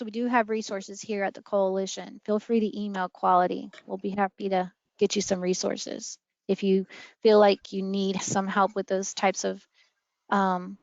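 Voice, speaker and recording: An early learning trainer leads an online session for preschool teachers, explaining things with friendly classroom examples. Her mid-range voice is creaky and a little mellow, captured in dull, dry, lo-fi audio.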